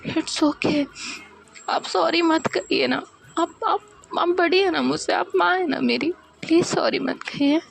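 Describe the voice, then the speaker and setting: A woman voicing a gentle young daughter who pleads through tears, her voice choked and pleading. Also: very high voice, measured pace, vocal fry, a little hiss or hum, pitched above the performer's own voice, heavily acted. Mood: tearful pleading.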